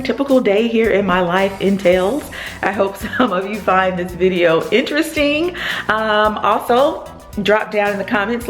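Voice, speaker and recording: A woman vlogging casually from her home kitchen in a groggy early-morning voice, chatting and rambling with fillers. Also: on the low side. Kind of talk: casual chat to camera.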